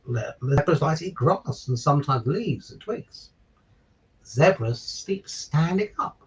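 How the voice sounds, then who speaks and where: Over a virtual call, a stand-in story reader sits away from his mic and reads a children's picture book, breaking off for chatty asides and questions to the listeners. His voice is fairly high and lively in intonation, moving a little slowly, and the distant capture makes it sound lo-fi.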